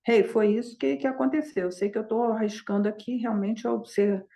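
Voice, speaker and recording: A humble flower gatherer explains himself earnestly and with some hesitation. His voice sits rather high. A woman telling a teaching story acts him out. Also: fairly quick, vocal fry, dark tone, rough recording.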